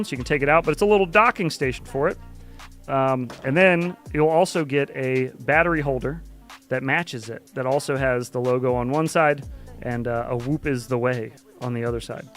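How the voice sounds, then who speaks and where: A man hosting a live stream, chatting casually and excitably, swearing now and then. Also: on the high side. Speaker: livestream host.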